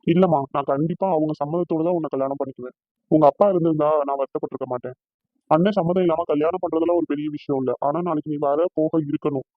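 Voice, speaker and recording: A man voicing a loving young fiancé in a cartoon, gentle and reassuring. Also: fairly high pitch, steady tone, dry recording, narrow, tinny audio, lightly acted. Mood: earnest. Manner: gentle, reassuring, fast-talking. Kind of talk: cartoon voice acting.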